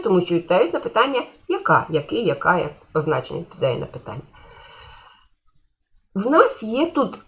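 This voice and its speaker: Lady teacher doing a grammar lesson for kids, patient, repeats stuff, voice goes up and down a lot. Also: mid-range voice. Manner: patient, repeats key points, asks questions to the class.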